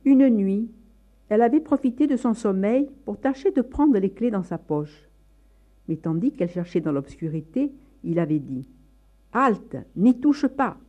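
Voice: medium pitch, dark tone, lo-fi sound. A storyteller reading a story aloud in a dramatic, emotive way. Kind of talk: expressive read-aloud narration.

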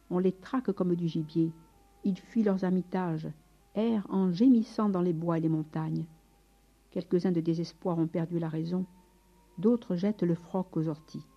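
A woman reading aloud the lines of an agitated young male friar who pleads urgently, in a storybook, on a dull recording. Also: lowish voice.

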